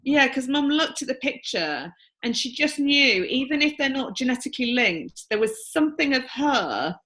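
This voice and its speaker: A woman's voice: high voice, very animated, normal speed, a bit bright, low-quality recording. A woman working as a psychic medium, relaying messages in a reading. She talks in an earnest, emotional, chatty way with many restarts.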